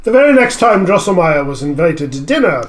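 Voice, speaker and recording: A man narrating a story in a measured storytelling way. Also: fairly high pitch, big pitch swings. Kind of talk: scripted narration.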